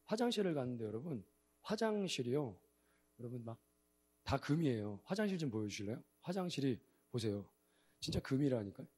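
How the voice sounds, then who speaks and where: A male guest missionary preaching a sermon in a church, telling stories with animated swings between quiet asides and loud outbursts. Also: medium pitch, fairly quick, husky. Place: church sanctuary.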